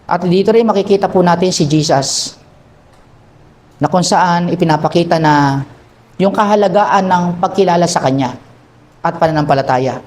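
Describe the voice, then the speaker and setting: A male pastor with a notably high voice, preaching in a church. He tells the story with lively emphasis and quick changes of tone, then settles into a calmer, earnest appeal. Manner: animated storytelling, acts out characters. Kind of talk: sermon.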